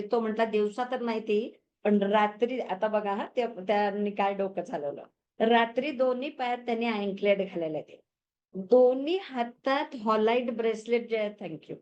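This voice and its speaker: A woman with a slightly high voice teaches crystal healing. She chats as she goes, telling stories about clients and mixing English words into her speech. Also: normal speed, a little mellow, muffled recording. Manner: chatty storytelling, mixes English words. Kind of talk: lesson.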